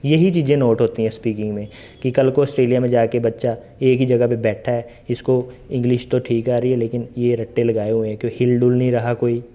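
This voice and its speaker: Dark-voiced chatty male IELTS coach. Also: medium pitch, level tone, fairly quick. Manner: chatty, addresses viewers directly with rhetorical questions. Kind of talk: casual Hindi tutorial monologue.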